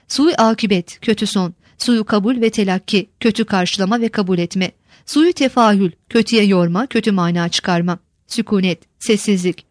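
Woman, measured glossary reader, headwords stressed, dry booth sound. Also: no room sound. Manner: measured, list-like reading, stresses each headword higher. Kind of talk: reading a glossary of old words.

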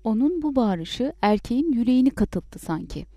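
A woman narrating a story as an audiobook in a calm, measured way. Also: fairly high pitch, no echo, clean studio sound.

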